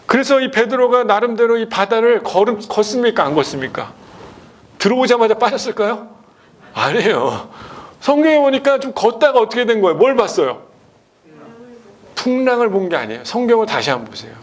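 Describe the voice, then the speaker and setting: A male pastor preaching a sermon, asking the congregation rhetorical questions and swinging between loud and hushed delivery. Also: extremely high pitch, very animated, brisk.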